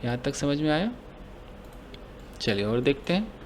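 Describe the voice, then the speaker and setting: With heavy noise in the background, a very animated man from India teaches English grammar in Hindi using a mid-range voice. He breaks things down step by step and fields his own questions. When English phrases come up, he reads them aloud more slowly.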